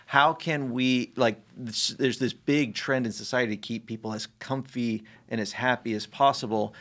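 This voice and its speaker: Gravelly-voiced male podcast host. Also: mid-range voice, fairly bright tone. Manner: thoughtful, frames questions with brief affirmations. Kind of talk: podcast interview.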